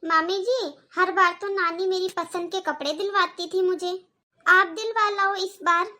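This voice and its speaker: An outspoken young girl, voiced by a woman for a Hindi-language cartoon, talking in a very high, sharp voice. She pleads earnestly and stands up for her mother. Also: steady tone, unhurried, heavily acted. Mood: pleading. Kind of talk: cartoon voice acting.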